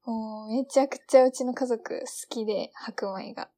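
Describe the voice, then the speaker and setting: A woman's voice: on the high side, steady tone, normal speed, dark tone. A young woman with a Kansai accent co-hosting a podcast, chatting casually and laughing often. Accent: Kansai Japanese. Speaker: podcast co-host. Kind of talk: casual chat.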